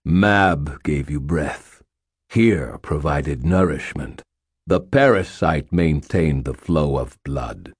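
A man voicing an enormous, ancient, inhuman island spirit that speaks in slow, flat, emphatic pronouncements. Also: rumbling low, husky, dry recording, clean studio sound, full character voice. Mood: solemn. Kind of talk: audiobook narration.

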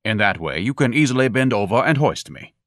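A man's voice: mid-range voice, sing-song, brisk, no echo, studio quality, close to an everyday voice. A man reading an audiobook, voicing a pompous, fussy grown man who lectures everyone in a didactic, self-important way. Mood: indignant, lecturing.

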